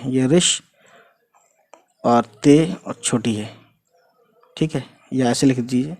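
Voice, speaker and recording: A man teaching Urdu words, explaining their meanings and spelling the letters out slowly as he writes, often adding "ठीक है" and "you know". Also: on the high side, a little mellow, dry recording. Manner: spells letters out slowly, often adds 'ठीक है' and 'you know'. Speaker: language teacher. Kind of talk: explaining Urdu words while writing them.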